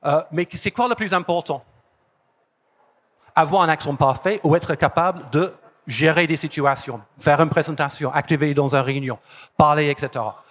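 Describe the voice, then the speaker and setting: Englishman with a fairly high voice lecturing. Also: normal speed. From London, England. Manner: energetic, repeats key phrases for emphasis. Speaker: conference speaker. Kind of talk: conference presentation. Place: conference hall.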